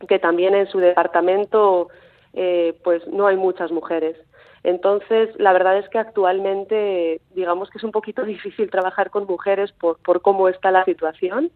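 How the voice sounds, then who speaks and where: This is a phone interview with a woman in her thirties from the Basque Country, a coastal researcher whose Spanish carries a Mexican flavor. The line sounds tinny. Her medium-pitched voice is fairly level at a normal pace, and she often stalls with fillers and begins sentences again.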